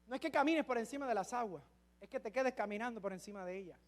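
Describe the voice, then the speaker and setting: A pastor with a notably high voice preaches a sermon fast, joking and chatting with the congregation. His dramatic delivery swings from near-whispered asides to shouted peaks of emphasis.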